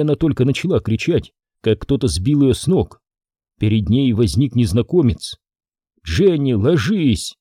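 A man narrates an audiobook from a script, telling the story in a steady, measured manner. His voice sits at medium pitch, and the recording is dry with studio quality.

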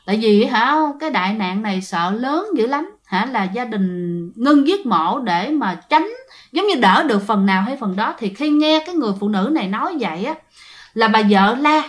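Woman, ghost story teller, chatty and direct with listeners, a bit high-pitched. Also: lively intonation, moderate pace. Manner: chatty, addresses listeners, many fillers. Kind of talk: told ghost story narration.

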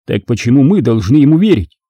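A male narrator voicing a calm, measured older male Jedi master in an audiobook. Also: mid-range voice, no room sound, muffled recording. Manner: measured, firm.

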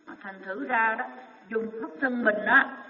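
A man's voice: very high-pitched, unhurried. Man preaching from afar. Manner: poses rhetorical questions and answers them himself, emphatic. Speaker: Buddhist dharma teacher. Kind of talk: sermon. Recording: dull, echoey hall recording from far off.

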